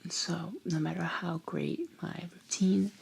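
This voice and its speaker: Woman doing slow whispered asmr right by your ear, super breathy w some crackly fry, gentle bedtime talk. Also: on the low side, steady tone. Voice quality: breathy, hushed. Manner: unhurried, gentle, soothing. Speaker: ASMR creator and host.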